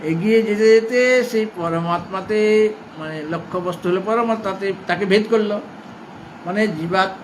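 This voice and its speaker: A man teaching a scripture class at an ashram, explaining patiently, rephrasing and repeating points, and reciting verses slowly in a chanting cadence. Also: high voice, slight background noise, low-quality recording. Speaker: spiritual teacher. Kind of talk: scripture lecture to students.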